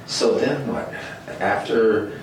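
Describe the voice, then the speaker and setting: Conducting an oral history interview with an older scholar, a man with a fairly low voice speaks slowly. His questions come out casual, conversational, and rambling, with frequent restarts, and the recording sounds roomy and distant with a faint hiss.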